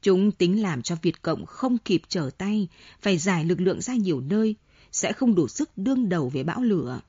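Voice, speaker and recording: A woman narrating a novel in slow, measured storytelling, on a dull lo-fi audiobook recording. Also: lowish voice, animated, mellow, husky, no room sound. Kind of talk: scripted narration. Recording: dull lo-fi recording with faint music.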